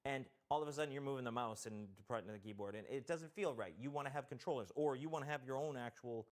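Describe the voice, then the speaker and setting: A man's voice: medium pitch, fast. A man from Canada, a game developer guest on a talk show, explaining technical systems in detail and thinking aloud as he goes.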